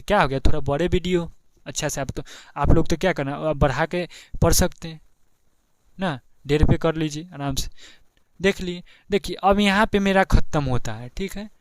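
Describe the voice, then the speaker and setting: A young maths teacher with a Bihari Hindi accent gives a board exam tutorial, chatty and repetitive, going over steps again and constantly asking "ठीक है ना". His voice is slightly high, smooth and clear, captured close and dry with no room sound.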